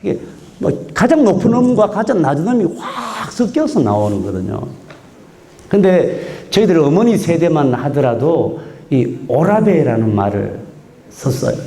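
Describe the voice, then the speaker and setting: A university professor giving a public lecture in a hall, acting out dialect phrases as he talks. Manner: animated, acts out dialect phrases with wide swings in pitch.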